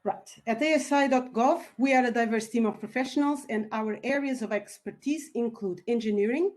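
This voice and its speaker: A woman's voice: fairly high pitch, moderate pace, a little mellow. A woman from Portugal giving a webinar presentation over a video call, polite and a little hesitant, with some fillers. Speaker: webinar speaker, company founder.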